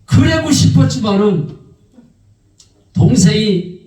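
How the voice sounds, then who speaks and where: Speaking slowly in a high voice, this man is a pastor giving a sermon testimony, voicing the characters of his story with animated flair. The sound carries the echo of a church hall, picked up by a distant mic in the sanctuary.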